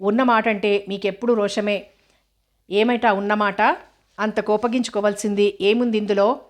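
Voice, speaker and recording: A woman narrator voicing a proud, easily irritated young wife in an audiobook, with sharp, sulky retorts. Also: medium pitch, steady tone, normal speed, close to an everyday voice.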